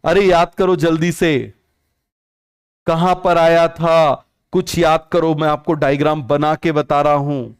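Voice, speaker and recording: A man's voice: a little high, fairly even intonation, takes it slowly, clean tone. A young man teaching a biology lesson online. He keeps asking questions and answering them himself, repeats each term several times, and mixes English terms into Hindi. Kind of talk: online class lecture.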